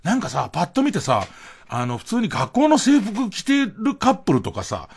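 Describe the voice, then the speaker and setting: A man's voice: high-pitched, wildly swooping pitch, normal speed, vocal fry, slightly rough. A middle-aged man hosting a late-night radio monologue, rambling in a self-mocking way with chuckling asides, on a close studio mic. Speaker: radio host.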